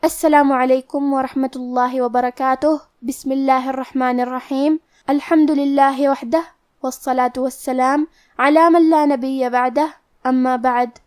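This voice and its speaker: High-voiced woman teaching Quran recitation. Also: a little mellow. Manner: methodical, explains each letter rule step by step; recites verses very slowly and drawn out. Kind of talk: Quran pronunciation lesson with slow recitation.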